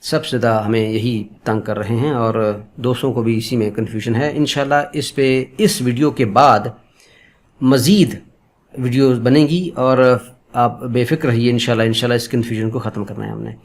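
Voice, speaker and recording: With a medium-pitched, steady voice, this man teaches Urdu pronunciation online, addressing viewers courteously as friends. He explains things patiently and slowly repeats each example sound.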